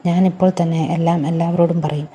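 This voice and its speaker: A woman's voice: on the low side, flat delivery, fast, slight background noise, close to an everyday voice. A woman voicing a hurt, defiant young woman. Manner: sharp and defiant, voice tight with hurt.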